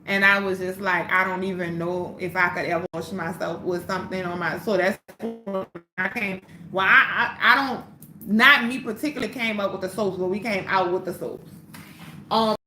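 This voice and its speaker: A woman's voice: medium pitch, fairly even intonation, normal speed, pushed and bright, roomy sound, soft background music. A woman hosting a casual livestream, talking bluntly and profanely to her viewers. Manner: blunt, profane, fired-up pep talk. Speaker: livestream host.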